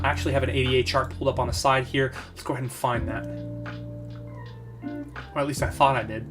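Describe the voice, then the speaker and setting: A man running a market analysis channel talks casually through charts in a medium-pitched, slightly hoarse voice. He is blunt and emphatic, full of fillers and repeated phrases.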